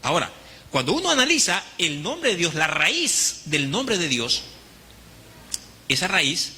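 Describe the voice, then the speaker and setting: A Honduran man preaching a teaching sermon, his voice bright and sharp with a husky edge. He speaks with lively, rising and falling pitch and acts out the quoted voices. A long hall reverb trails behind him. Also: a little slow. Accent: Honduran Spanish. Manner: teaching, addresses congregation as brothers, dramatic quoted voices. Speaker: pastor.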